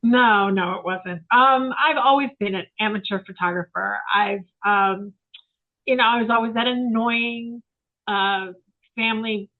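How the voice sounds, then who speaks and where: Over a tinny, phone-like remote line, a photographer guest of around sixty talks in a casual interview chat. Her voice is a little high and her pace measured, and she rambles reflectively with many fillers.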